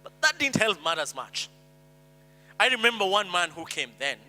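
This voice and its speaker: A Kenyan man with a high, very bright, ringing voice tells his story earnestly from a stage. His words carry a long hall reverb over a low mains hum. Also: big pitch swings, normal speed. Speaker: speaker. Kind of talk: personal story speech.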